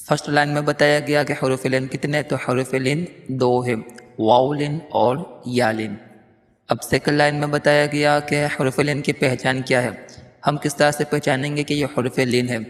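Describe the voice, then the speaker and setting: A man teaching a Quran reading class, quickly explaining rules and slowly chanting the letter sounds. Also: medium pitch. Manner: spells letters out in a slow chant; quick, gentle explanations between drills. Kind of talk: online lesson. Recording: long reverb, faint music behind.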